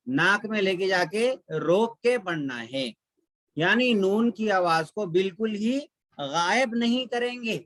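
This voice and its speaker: A man's voice: sits high, fairly bright tone, no echo, studio quality. A man teaching Quran recitation rules step by step, drawing out each example syllable by syllable and repeating it. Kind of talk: step-by-step tajweed lesson.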